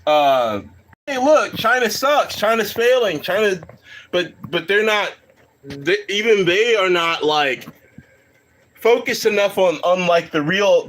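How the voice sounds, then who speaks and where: A man's voice: high-pitched, fairly bright tone. A man giving casual, rambling reaction commentary on a live stream, swearing, laughing and talking to his chat.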